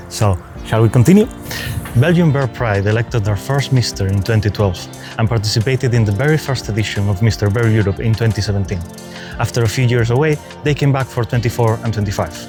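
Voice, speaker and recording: A man presenting the video with chatty, conversational links between segments. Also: mid-range voice. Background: music.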